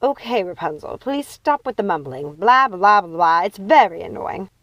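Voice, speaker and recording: A woman's voice: medium pitch, animated, normal speed, fairly bright tone, no room sound, low-quality recording. Mother Gothel, vain and theatrical, as a woman reads. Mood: dismissive. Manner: theatrical, condescending. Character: vain, domineering, belittling mother villainess.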